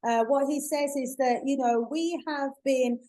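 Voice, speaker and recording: A woman's voice: high-pitched, fairly even intonation, a little slow, poor audio. A woman hosting an online talk show, welcoming viewers as family and introducing her guest with enthusiasm. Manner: warm, affirming, addresses audience as family. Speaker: host.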